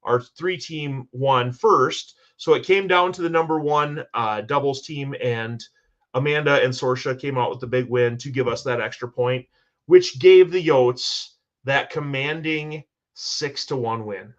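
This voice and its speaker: A man's voice: mid-range voice, unhurried, dull audio. A man hosting a casual sports podcast, talking in an enthusiastic, rambling way with many restarts as he recaps match scores. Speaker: host.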